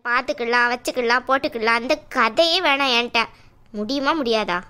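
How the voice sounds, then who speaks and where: A headstrong working young woman in a cartoon, voiced by a woman, speaks high and bright. She argues bluntly and will not give in. Her tone stays firm and quick to push back. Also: clear, resonant tone. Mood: stubborn. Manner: argumentative, blunt. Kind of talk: cartoon dialogue.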